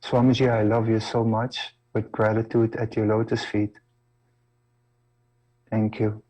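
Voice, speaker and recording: A man's voice: on the low side, little pitch movement, a little slow, warm tone, low-quality recording. A man reciting a devotional testimonial, working through a list of spiritual terms.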